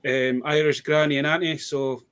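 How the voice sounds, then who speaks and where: Chatty British man, slightly high voice. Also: little pitch movement, moderate pace, a bit bright. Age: adult. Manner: chatty, rambling storyteller. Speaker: toy collector guest. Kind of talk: casual live chat.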